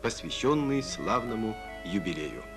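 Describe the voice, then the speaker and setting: A man with a somewhat low voice narrates in the style of an old newsreel. His delivery is formal, solemn and declamatory. Loud music plays clearly under the narration. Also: lively intonation, a little slow.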